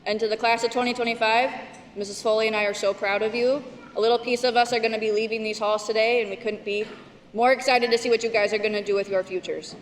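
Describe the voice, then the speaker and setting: In a large school gymnasium, a woman class advisor gives a ceremony speech, thanking the class officers and reading their names aloud. Her fairly high voice is steady and fast, recorded from far off in the echoey gym over loud crowd noise.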